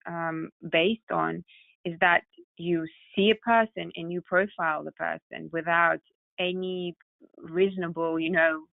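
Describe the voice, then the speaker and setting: Speaking low and with some creak, a woman with a Russian accent tells her founder story as a podcast guest who runs a tech company. The interview is conversational, the audio muffled and phone-like, and there's no room sound at all.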